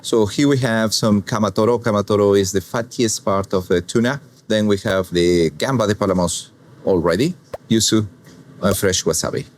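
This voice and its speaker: A man from Argentina speaking English with an Argentine Spanish accent, calmly talking a viewer through a cooking demonstration. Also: fairly low pitch, slight background noise. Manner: unhurried, plain non-native English with calm explaining. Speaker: chef.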